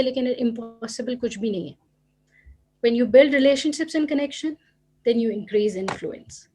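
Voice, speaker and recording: A woman gives a parenting seminar online, her voice sitting fairly high. She mixes English phrases into her Urdu and acts out what parents say to children. It sounds like a computer mic on a video call. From Pakistan. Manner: acts out parents' remarks in quotes. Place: home or office, online seminar.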